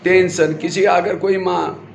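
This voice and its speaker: A man's voice: sits high, level tone, measured pace, creaky. A man giving a spiritual class in sermon style, asking his audience questions and answering them himself. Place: hall with a live audience. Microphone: handheld or stand mic. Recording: echoey hall with faint noise.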